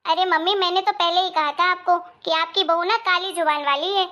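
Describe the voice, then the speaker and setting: A sharp-tongued young married daughter scolds and complains at length, played by a woman. Her voice sits very high and sounds bright and forceful. It is a cartoon moral story. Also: fairly even intonation, fairly quick, highs cut off. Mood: scolding. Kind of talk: Hindi moral story voice acting.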